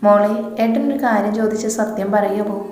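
A woman voicing a gentle, caring man who questions his younger sister kindly in a read-aloud story. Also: mid-range voice, fairly quick, lightly acted. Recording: echoey room with long reverb.

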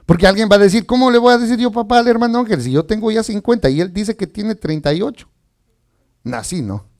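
A man's voice: sits high, animated, quick pace, a little mellow. A man preaching as pastor, reading scripture and asking the congregation questions in a chatty, conversational way. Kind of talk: sermon.

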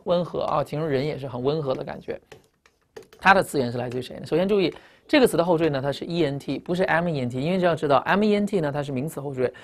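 A woman teaching English vocabulary, spelling out words letter by letter and often asking students whether they remember earlier words. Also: low-pitched. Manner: ends phrases with the particle "啊". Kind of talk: recorded vocabulary lecture.

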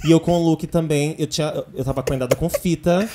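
Fast-talking, sassy Brazilian drag queen, a man. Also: a little high, fairly even intonation, mellow, slight background noise. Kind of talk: casual podcast chat and storytelling.

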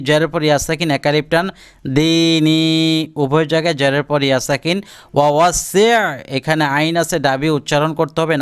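Male religious teacher, fairly high, smooth resonant voice, careful instructional delivery that explains pronunciation step by step. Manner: drawn-out Arabic recitation for learners to repeat. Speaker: Islamic teacher. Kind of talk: religious lesson on prayers and pronunciation.

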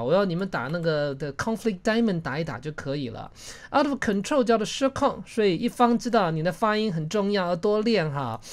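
A woman with a Taiwanese Mandarin accent teaching English in a live online class, coaxing students along and prompting them word by word. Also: medium pitch. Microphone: video call.

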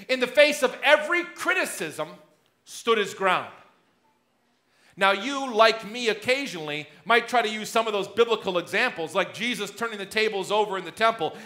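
A high, bright-toned man in his thirties preaches before the altar of a church sanctuary. His voice sits high for a man and rings with a forceful edge. He swings between loud emphasis and quiet drops as he gestures. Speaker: pastor. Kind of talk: sermon.

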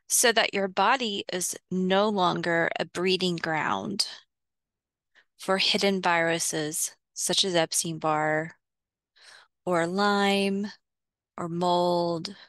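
A female meditation guide talks listeners through a visualization using brief, measured phrases and leaving gaps between instructions. Her voice is a little low and a bit bright, with creaky fry at the edges, and her pace is very slow. No room echo colors the dry sound.

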